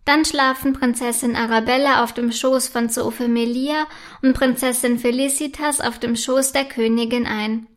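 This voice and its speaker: A woman reads a bedtime story for children. Her narration is gentle, even and scripted. Her voice sits high. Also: normal speed.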